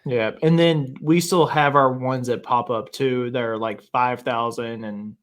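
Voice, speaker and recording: A man's voice: medium pitch, steady tone, a little slow, fairly bright tone. Easygoing male host of a casual podcast; mid-range voice, inviting tone. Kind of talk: casual chat.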